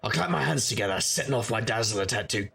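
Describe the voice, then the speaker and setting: A man performs a full character voice as a wry, world-weary supernatural detective narrating a noir audio drama. He talks fast in a lowish, gravelly, husky deadpan, and the mood is grim and intense.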